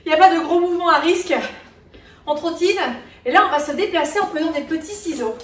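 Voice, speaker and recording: A high-voiced woman leads a workout, counting out reps and cheerfully checking on her class as she exercises. She sounds a little distant from the mic in an echoey indoor room, with faint ambience behind her. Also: fast talker, fairly bright tone, slight background noise. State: moving while exercising. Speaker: fitness coach. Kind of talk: live workout instruction.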